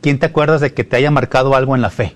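A man's voice: medium pitch, steady tone, fast. A man interviewing a guest in a friendly, chatty way, asking about faith and career. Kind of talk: conversational interview.

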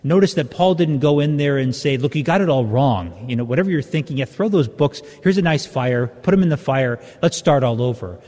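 Mellow priest preaching in cathedral-like echo. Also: male voice, mid-range voice, expressive. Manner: conversational, halting explanatory delivery. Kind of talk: Gospel reading and homily. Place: large reverberant church interior. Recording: echoey church with long cathedral-like reverb.

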